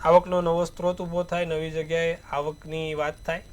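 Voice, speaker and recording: High-voiced man reading horoscopes. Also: flat delivery, moderate pace. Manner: advising, repetitive, proverb-like phrasing. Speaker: astrologer. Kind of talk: daily horoscope and tarot reading.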